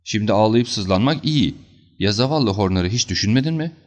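A man voicing a calm, stern male detective who speaks quietly and with authority, in a storybook reading. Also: sits low, moderate pace.

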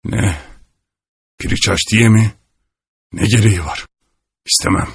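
A man's voice: fairly low pitch, measured pace, creaky, husky, full character voice. A man reading aloud and voicing a dying middle-aged man who is bitter and frightened, speaking in abrupt, anguished outbursts. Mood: irritated.

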